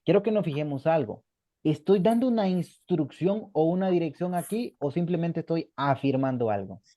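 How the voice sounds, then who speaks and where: A man's voice: on the high side, lively intonation, normal speed, no room sound, highs cut off. A man teaching a beginner English class online in Spanish, patiently repeating examples and checking in with the students.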